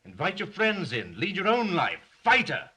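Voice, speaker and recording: A man's voice: high-pitched, wildly swooping pitch, moderate pace, pushed and bright, slightly rough, full character voice. An actor playing a supportive male friend, emphatic and urging, in a 1930s film melodrama. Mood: urging, firm.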